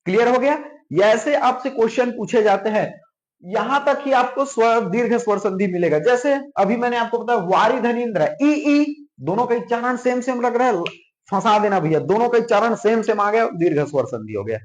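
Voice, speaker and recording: A man's voice: very high-pitched, lively intonation, fairly quick. A man teaching Hindi grammar as an exam coach with a Chhattisgarh Hindi accent, repeating points and checking whether students understand. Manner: repetitive, drilling, keeps asking if it's clear. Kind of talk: classroom lecture. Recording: echoey room, dull lo-fi sound.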